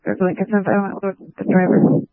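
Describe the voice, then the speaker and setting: A police officer talking in clipped radio codes, heard over a two-way radio. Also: male voice, sits high, lively intonation, fairly quick, no room sound. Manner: clipped radio code talk. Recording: tinny narrowband radio, dry.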